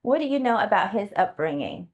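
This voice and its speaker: A woman's voice: mid-range voice, sing-song, brisk, darkish tone, slightly rough, dull audio. A woman conducting an oral history interview, asking prepared questions.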